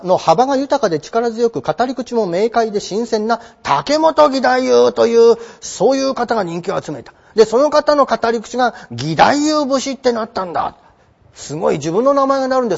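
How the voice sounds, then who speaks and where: Man, teacher, textbook lecture, very high voice, acts out questions and answers, muffled lo-fi recording. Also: vocal fry, a little mellow. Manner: acts out quick imagined exchanges with questions and answers. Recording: dull, lo-fi sound.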